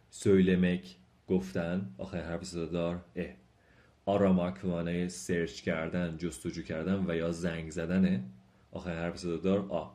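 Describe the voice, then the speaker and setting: In a spoken lesson, a male language teacher with a deep, mellow, dark voice patiently walks through each point. He reads example sentences slowly and repeats them, addressing viewers in a polite, formal manner.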